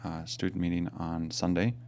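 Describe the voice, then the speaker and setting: A man's voice: low-pitched, flat delivery, moderate pace, a little mellow. A man who is a parish priest, chatting casually and amiably on a podcast. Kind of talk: casual chat.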